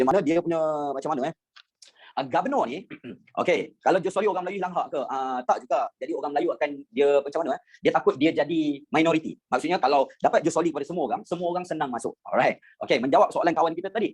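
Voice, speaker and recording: A man's voice: a little high, breathy edge. A young Malaysian man teaching a history lesson online, chatty, slipping English phrases in and checking again and again that his students understand.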